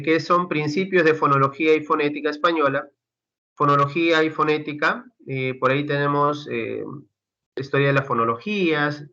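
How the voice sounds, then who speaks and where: A man's voice: a little high, sharp tone. Chatty male lecturer on a video call. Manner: conversational, addresses students as chicos, many fillers. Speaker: university lecturer. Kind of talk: online class over video call. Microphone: computer mic on a video call. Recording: dull lo-fi call audio.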